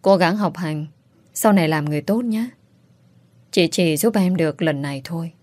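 A woman reading as a bitter, grieving young woman who snaps out her accusations in fast, sharp bursts. The voice sits low, and the recording is close and dry with no room around it. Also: no echo, lightly acted. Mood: tender. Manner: sharp, accusing, quick outbursts. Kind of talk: audiobook character voice.

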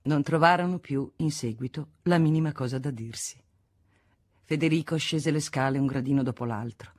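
A woman's voice: deep voice, no room sound, studio quality. Woman narrating a literary audiobook. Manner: measured, expressive reading.

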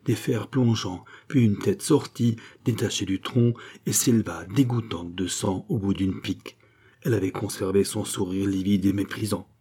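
A man narrating a classic novel as an audiobook in a measured, dramatic reading. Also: lowish voice, dark tone, breathy edge.

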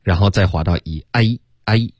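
Deep-voiced man coaching pronunciation. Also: a little mellow, dry recording. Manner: patient, corrective, repeats sounds slowly to model them; mixes English words into explanations.

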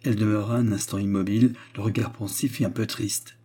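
A man calmly narrating a novel as an audiobook reader. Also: lowish voice, fairly quick, husky. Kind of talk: scripted narration.

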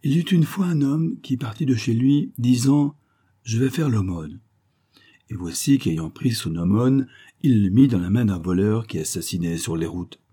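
Man, storyteller, measured, husky, warm. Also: mid-range voice. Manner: measured, expressive. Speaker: narrator. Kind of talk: storytelling reading.

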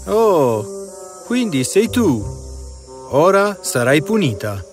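A slow, stern fairy-tale king, his speech rising and falling widely. The voice sits fairly high for a man. Music plays behind him. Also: very animated. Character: stern middle-aged king.

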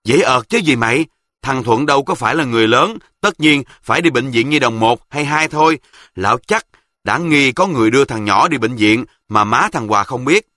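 A man voicing a clever, bossy boy from the south who speaks quickly and confidently with a Southern Vietnamese accent. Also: mid-range voice, animated, bright, forceful tone, dry recording, clean studio sound. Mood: scheming. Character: sharp, know-it-all southern boy, ringleader.

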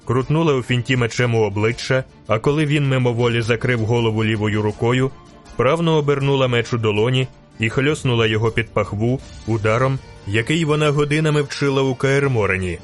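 A man's voice: mid-range voice, fairly quick. Man narrating an audiobook over faint music. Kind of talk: dramatic audiobook reading.

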